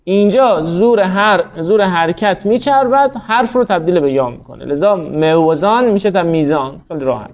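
A man's voice: sits high, animated, few pauses, highs cut off. A man teaching a grammar class, explaining each rule step by step and quizzing his students as he goes. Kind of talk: classroom lecture.

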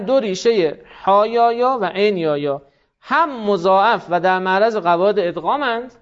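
A male teacher giving a classroom lecture, explaining playfully with jokes and by turning rules into characters who argue with each other. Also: high-pitched. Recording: slightly dull lo-fi recording.

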